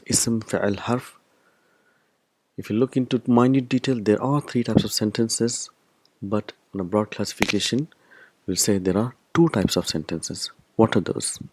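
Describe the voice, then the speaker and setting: Low-voiced man teaching a language lesson. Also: darkish tone, no room sound. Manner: explains step by step, repeats key terms. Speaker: Arabic teacher.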